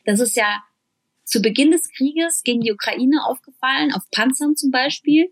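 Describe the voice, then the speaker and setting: A woman's voice: high-pitched, normal speed. Chatty woman hosting a casual talk, lots of ums and bits of english. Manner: chatty, many fillers, mixes in English words. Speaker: podcast co-host. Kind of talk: casual chat.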